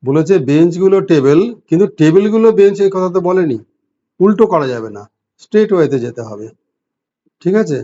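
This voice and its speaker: A man teaching an online exam-prep class with a Bengali accent, explaining step by step and reading questions slowly in English. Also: on the high side, animated, dark tone. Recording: dull lo-fi audio.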